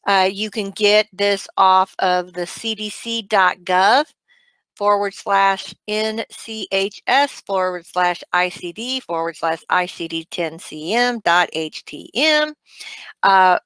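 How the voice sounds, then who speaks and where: A middle-aged American woman, a medical coding instructor, teaches an informal webinar, walking through her screen in a conversational, halting way and checking in with listeners. Her mid-range voice is a bit bright, clear and resonant. The dry recording comes from a webcam session in a small indoor room.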